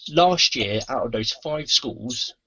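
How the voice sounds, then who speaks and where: Brief: male host, bright but husky voice, earnest explainer, muffled lo-fi sound. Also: mid-range voice, animated, slow. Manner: earnest, explanatory, acts out quoted lines. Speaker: anti-bullying trainer, podcast host. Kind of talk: casual convention interview chat. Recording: muffled lo-fi convention recording.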